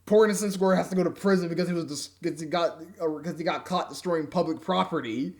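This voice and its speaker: A man's voice: fairly high pitch, fast. A man recorded on a webcam mic, ranting indignantly as he reviews an episode and repeating himself as he goes.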